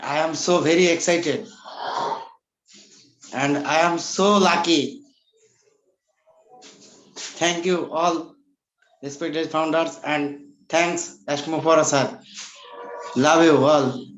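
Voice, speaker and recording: Man from bangladesh, loud halting greeting, slow, roomy distant call audio. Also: a little high, steady tone. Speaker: company member on a webinar. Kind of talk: short spoken greeting.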